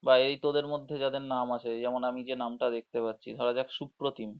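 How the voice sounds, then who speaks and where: A man teaching an online class to school students, explaining slowly, checking in with frequent tag questions and drawing words out syllable by syllable, on dull lo-fi audio. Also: mid-range voice, little pitch movement. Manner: drawls words out syllable by syllable when demonstrating.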